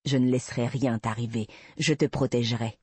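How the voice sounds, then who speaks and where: A man voicing an obsessive, creepy man who slowly confesses to a kidnapping, in a soft, unsettling manner. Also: medium pitch, steady tone, husky, no echo, close to an everyday voice. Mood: cold recounting. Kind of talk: audiobook reading.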